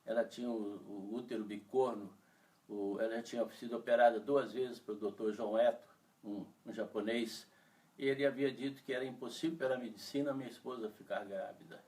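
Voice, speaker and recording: Recorded from far off the mic in a church, a Brazilian pastor shares an emotional testimony in his sermon, acting out the voices of those he quotes. His medium-pitched voice is a little mellow, a little fast, and fairly even in intonation.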